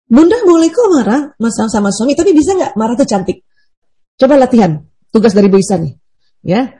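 Female preacher, mellow and husky, lively and teasing, seminar talk. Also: fairly high pitch, a little fast. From Bugis heritage, Indonesia. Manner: lively, teasing, laughs often, animated swings. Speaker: Islamic preacher.

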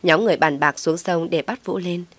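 Low-voiced woman narrating a story. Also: brisk, a bit bright, no echo.

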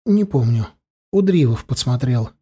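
A man's voice: mid-range voice, expressive, unhurried, mellow, husky. A man voicing a frightened teenage boy who stammers and falters as he answers.

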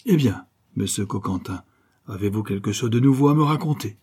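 A man voicing a ruthless middle-aged banker who is haunted by fear, speaking tensely and sometimes dropping to a hoarse whisper. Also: fairly low pitch, animated, a little fast, dark tone. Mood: commanding.

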